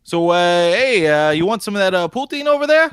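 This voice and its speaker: A man's voice: high voice, big pitch swings, a little fast, fairly bright tone, clear, resonant tone, no echo, clean studio sound, pitched above the performer's own voice. A man voicing a Canadian neighbor offering poutine in a clumsy put-on accent. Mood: eager.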